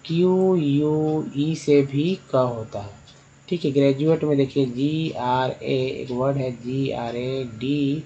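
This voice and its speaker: A man's voice: mid-range voice, fairly even intonation, takes it slowly, dark tone, lo-fi sound, slight background noise. A man teaching English reading over slides, patiently spelling words letter by letter and asking then answering his own questions. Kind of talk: spoken lesson over slides.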